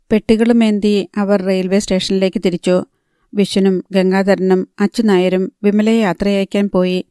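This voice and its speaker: A woman reads a novel as audiobook narration, measured and steady. Her voice is mellow and smooth, and it stays level in pitch. The recording is dry and close. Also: no echo. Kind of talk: scripted narration.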